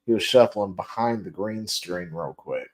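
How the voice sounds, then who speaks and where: A man with a somewhat low voice hosts a casual gaming news stream, tired and given to yawning. He jokes with his co-host, laughs often and circles back over unfinished sentences. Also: expressive, normal speed. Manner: joking, laughing often, trailing restarts. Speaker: podcast host. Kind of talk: casual livestream chat.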